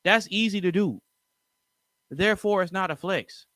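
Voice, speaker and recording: A man's voice: sits high, moderate pace, fairly bright tone, no room sound, clean studio sound. A man hosting a casual music reaction, giving opinionated commentary and lecturing straight to his viewers.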